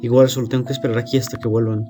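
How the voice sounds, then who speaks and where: A man voicing a lonely young girl left alone to feed monsters in her cellar, reading game dialogue aloud with a hesitant, quiet delivery. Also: mid-range voice, little pitch movement, rapid-fire, music in the background, natural voice. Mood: weary, brooding.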